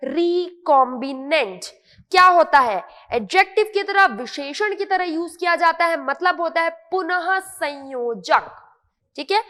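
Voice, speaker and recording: A high-voiced Indian woman teaches English words in an online lesson. She explains patiently, repeats each word and keeps checking that it is clear. A long reverb trails behind her voice. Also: expressive, measured pace, bright, forceful tone.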